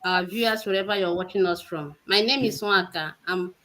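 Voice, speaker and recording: A woman's voice: lowish voice, normal speed, a bit bright. A woman from Nigeria, a panel guest greeting viewers formally over a video call.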